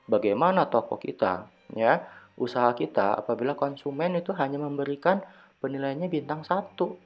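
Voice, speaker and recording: A man's voice: medium pitch, normal speed, lo-fi sound, faint music behind. A male university lecturer giving a recorded online lecture in a conversational way, full of fillers and rhetorical questions.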